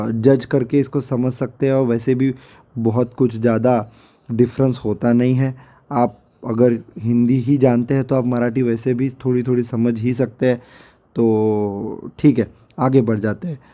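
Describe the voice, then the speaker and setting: A hoarse man with a sore throat, giving a patient lecture over a screen recording and repeating syllables slowly to drill them. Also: medium pitch, warm tone. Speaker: teacher.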